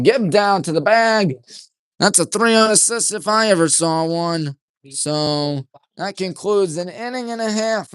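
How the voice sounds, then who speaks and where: A man doing play-by-play radio commentary for a high school baseball game from a press box, folksy and partisan, keeping his voice deliberately restrained. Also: dry recording, studio quality. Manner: folksy, chatty, partisan toward home team; deliberately restrained, hushed delivery.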